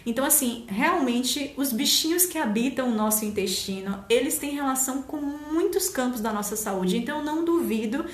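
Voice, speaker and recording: Chatting on a live stream, this nutritionist host from Salvador, Brazil, speaks Bahian-accented Portuguese in a high, expressive voice at normal speed with few pauses. She explains casually, hesitates with many fillers and laughs readily, in an echoey room.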